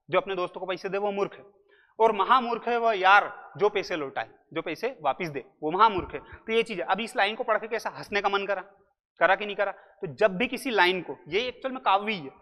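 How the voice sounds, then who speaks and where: A man's voice: high voice, bright, forceful tone. A man teaching grammar in a casual, joking lecture, talking to students like a big brother. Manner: chatty, jokey, addresses students as brother. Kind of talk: casual exam-prep lecture. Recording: muffled lo-fi audio in a reverberant room.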